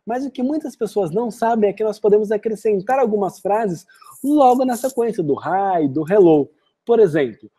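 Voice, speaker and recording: A woman with a Brazilian Portuguese accent giving an online English lesson, explaining phrases and then saying the English examples slowly and clearly. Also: medium pitch, dark tone. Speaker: English teacher.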